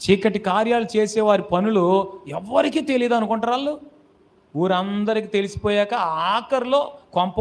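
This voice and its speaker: A man preaching a sermon in a call-and-response style, pressing his listeners to answer and swelling into loud exhortation. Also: high-pitched.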